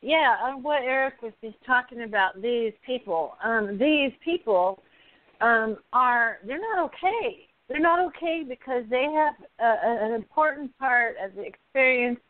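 Brief: female co-host, slightly high voice, emphatic, dry phone-line sound. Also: lively intonation, measured pace, no echo. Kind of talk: commentary on a talk show.

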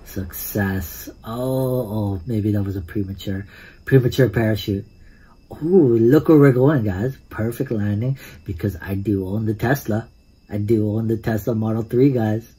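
A man giving casual live commentary on his own gameplay as a YouTuber, excitable, swinging between hushed muttering and yelling, and saying "guys" constantly. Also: fairly low pitch, unhurried, slightly rough. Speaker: gaming YouTuber. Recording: game music behind the voice.

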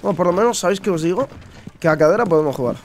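A male gaming streamer with a Spain Spanish accent talks through his match in a loose, chatty way, swearing often and calling out to his viewers. His voice sits a bit higher than most men's. A faint noise runs under the recording. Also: expressive, very fast. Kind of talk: casual gameplay commentary.

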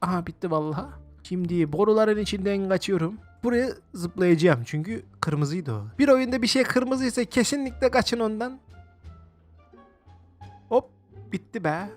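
A man excitedly commenting on his own gameplay, exclaiming often and chatting to his viewers as he plays. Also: high voice, moderate pace, soft background music. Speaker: gaming video host. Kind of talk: let's-play game commentary.

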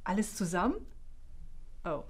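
A middle-aged woman, a university lecturer, speaking calmly in a scripted video trailer, recorded in a studio on a lapel mic. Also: on the low side, measured pace, slight background noise. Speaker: linguistics lecturer, keynote speaker.

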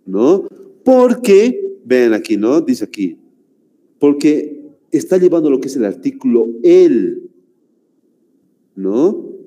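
A male teacher speaks slowly and deliberately, his pitch rising and falling a lot as he walks the class through each example. His voice has a dark, mellow tone. The sound carries a long hall-like reverb. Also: big pitch swings. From Bolivia. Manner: slow, deliberate, repeats phrases, keeps asking "¿no?". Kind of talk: classroom grammar lesson.

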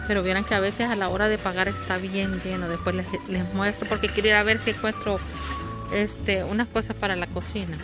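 A middle-aged woman from El Salvador with a Salvadoran accent, chatting casually to viewers as she hosts a shopping vlog on a handheld phone. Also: medium pitch. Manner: conversational, addresses viewers as little friends. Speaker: vlog host. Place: outside storefronts, then inside a large discount store. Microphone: handheld phone at arm's length.

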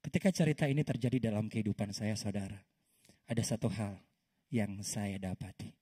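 A man's voice: fairly low pitch, a little fast, breathy edge. A man, a pastor in his thirties, preaching a sermon and telling a personal story while often calling out to the congregation. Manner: lively storytelling that often calls the congregation "saudara". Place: church service.

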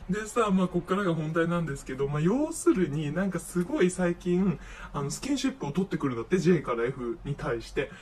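Young male vlogger, high voice, campy animated gossip, set back from the mic with faint noise. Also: fast, recorded from a distance. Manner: animated gossip with feminine speech style, acts out friends' lines. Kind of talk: casual storytelling monologue.

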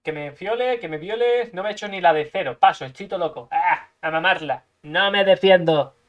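A man's voice: high-pitched, brisk, highs cut off. A man from commentating his own card game match, talking to himself, swearing a lot, making sound effects and breaking into frustrated outbursts. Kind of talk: gameplay commentary.

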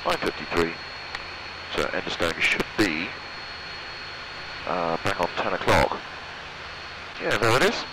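Loud engine noise dominates this headset recording of a young British student pilot murmuring short flight checks to himself in a small, open-sided microlight during flight. His low voice swings widely in pitch, and he goes slowly with long pauses, captured via an aviation headset.

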